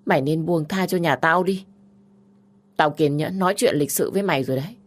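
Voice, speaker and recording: A woman voicing a bossy older sister who scolds loudly and harshly. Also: low-pitched, fairly quick. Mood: furious.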